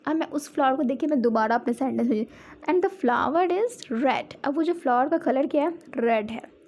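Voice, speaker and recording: A woman's voice: high-pitched, normal speed, darkish tone. A woman with an Indian accent, explaining a lesson to students and often asking the class questions. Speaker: teacher.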